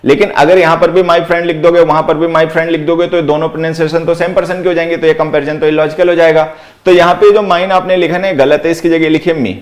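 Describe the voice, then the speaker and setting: A man teaching an exam-prep grammar lesson, explaining step by step, repeating key points and slowing down to dictate example sentences. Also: on the high side, level tone.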